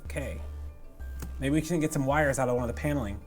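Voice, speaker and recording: A woman's voice: a bass voice, quick pace, a little mellow, faint music behind. A woman playing a tabletop game, asking practical questions and planning. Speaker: player. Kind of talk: casual play chat.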